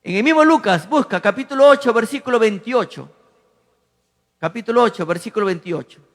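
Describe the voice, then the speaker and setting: A male pastor preaches a teaching sermon, repeating lines and telling listeners to write notes. His voice is high, and it climbs sharply in pitch and volume when he reads out the demons' cries. A long church hall reverb trails after his words. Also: animated, fairly quick. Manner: repeats verses and lines for emphasis.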